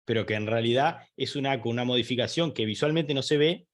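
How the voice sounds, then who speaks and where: A man's voice: mid-range voice, fast. A man giving an online training lecture, explaining step by step with fillers, restarts and frequent checks with the listener. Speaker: instructor.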